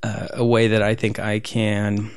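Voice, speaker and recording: A man raised in Southern California, a street photographer, talks casually in an interview with many fillers and restarts. He speaks fairly low, a little slow, and completely flat, his voice smooth with no room sound.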